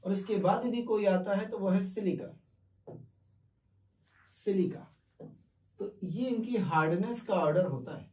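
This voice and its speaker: A man's voice: high-pitched, unhurried, pauses often, darkish tone, recorded from a distance. A man teaching chemistry, explaining step by step, asking questions and answering them himself, with English terms mixed into his speech. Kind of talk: classroom lecture. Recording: echoey room, voice off-mic.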